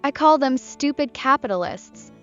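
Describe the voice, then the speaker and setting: A woman's voice: high voice, expressive, moderate pace, pitched above the performer's own voice. A woman voicing a chatty heartbroken young woman. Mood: tipsy bitter. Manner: bright, chatty, bitter. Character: talkative young woman camper, heartbroken, tipsy. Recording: muffled with soft music behind.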